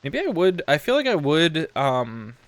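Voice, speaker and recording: A man streaming a video game, chatting in a rambling way full of "like" and restarts, getting loud and excited in bursts. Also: a little high, measured pace, very noisy. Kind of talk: casual live-stream chatter while gaming. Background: game music.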